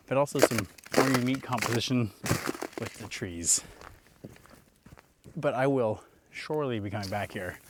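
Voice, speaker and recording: Against a noisy background, a young man with a medium-pitched voice narrates a casual vlog while walking in snowy woods. A landscape photographer, he muses in a relaxed way to the camera, sounding out of breath.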